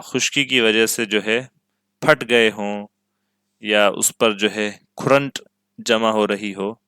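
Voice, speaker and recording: Slow, deliberate male teacher. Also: fairly low pitch, fairly bright tone, clean tone, no room sound. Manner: slow, repeats each word and meaning; asks "ठीक है?" to check understanding. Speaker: English teacher. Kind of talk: vocabulary lesson with translations.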